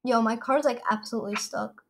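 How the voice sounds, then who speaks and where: A young woman chatting casually with a friend while playing an online game, excitable and fond of saying "bro". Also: on the high side, brisk. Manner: excitable, says "bro" a lot. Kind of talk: casual gameplay chat with a friend. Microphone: gaming headset mic.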